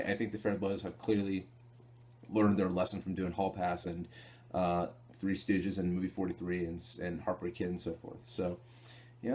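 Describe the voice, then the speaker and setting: A man's voice: lowish voice, a little mellow. A man giving a casual spoken film review, rambling with lots of fillers and repeated asides to the viewer. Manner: rambling, filler-heavy, keeps asking "you know what I mean?". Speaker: movie reviewer.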